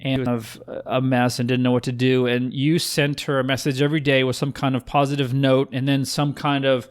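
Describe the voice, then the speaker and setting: A man's voice: medium pitch, level tone, brisk, clean tone. A man hosting a podcast, talking in a rambling, heartfelt way with many fillers. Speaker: podcast host. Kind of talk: casual podcast interview.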